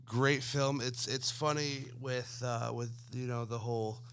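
A young man co-hosts a casual entertainment podcast in a relaxed, rambling way, with fillers and restarts. He is fighting the hiccups as he talks, which gives his delivery a slightly broken rhythm. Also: medium pitch, unhurried, clean tone. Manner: laid-back, rambling with many fillers. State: has the hiccups. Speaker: podcast co-host. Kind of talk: casual chat.

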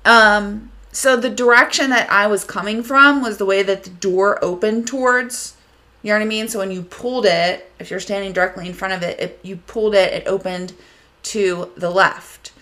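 A woman, hosting a podcast and telling a story in an animated, indignant way, swearing freely. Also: medium pitch, normal speed. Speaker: podcast host. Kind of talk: casual storytelling monologue.

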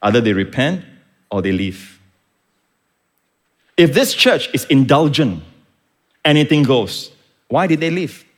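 Male pastor, sermon delivery with wide swings from soft teaching to shouted emphasis. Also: medium pitch, big pitch swings, measured pace, pauses often. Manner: impassioned, rising to shouts; teaching, explains Greek words.

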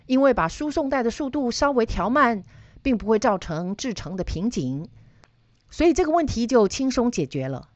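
A middle-aged woman lectures on data analysis, weaving in stories from her own life and turning questions back to her listeners. Her voice sits somewhat high and moves up and down a great deal. The recording is dry and a little dull. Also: big pitch swings, moderate pace, a little mellow, no room sound. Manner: storytelling, asks listeners questions.

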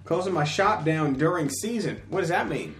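Laid-back swearing man, slightly high voice. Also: very animated, normal speed, faint music behind. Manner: laid-back, profane, reads listener messages. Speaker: podcast co-host. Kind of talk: casual profane livestream chat.

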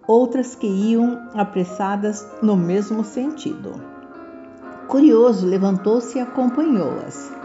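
Mellow Brazilian woman storyteller. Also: medium pitch. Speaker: children's storyteller. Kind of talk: scripted storytelling for children. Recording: muffled lo-fi recording, music behind.

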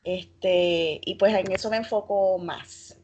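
Taking her time, a woman in her thirties from Puerto Rico talks reflectively as a guest in a casual interview, full of fillers and hedges. The fashion blogger has a Puerto Rican Spanish accent and a slightly mellow, medium-pitched voice with fairly even intonation, over a faint hiss or hum.

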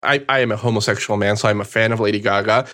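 A man with a bright, forceful tone chats casually about films with friends. He is wry and animated, and his sentences wander through fillers before landing the joke. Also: lowish voice, fast. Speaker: podcast co-host. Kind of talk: casual movie chat.

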